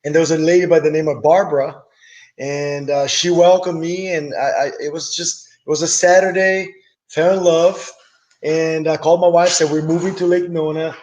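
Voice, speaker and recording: A middle-aged man who grew up in Brazil, guest in a casual interview, relaxed and enthusiastic with hesitant restarts. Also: on the high side, normal speed, highs cut off. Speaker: guest, business owner.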